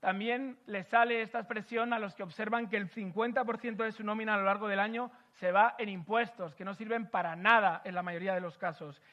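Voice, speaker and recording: A man's voice: high voice, steady tone, fairly quick, hardly any pauses, pushed and bright, lo-fi sound. A man hosting a political event, delivering an emphatic speech full of rhetorical repetition before moderating a panel.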